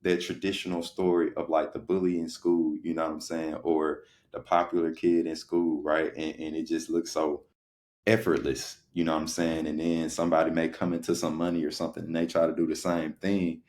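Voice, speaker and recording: A man's voice: extremely low pitch, level tone, brisk, a little mellow, a little hiss or hum. A man co-hosting a podcast in a loose, rambling casual chat, full of fillers. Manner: loose, rambling, lots of "you know what I'm saying". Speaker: podcast co-host.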